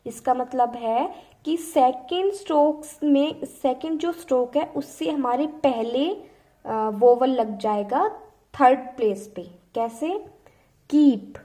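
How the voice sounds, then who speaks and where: A woman leads a shorthand lesson in a patient, repetitive way and checks often that the class is following. Her voice sits fairly high but sounds soft and mellow. She asks questions and answers them herself as she explains. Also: slow pace. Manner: patient, repeats and checks understanding with frequent "ठीक है". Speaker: shorthand teacher.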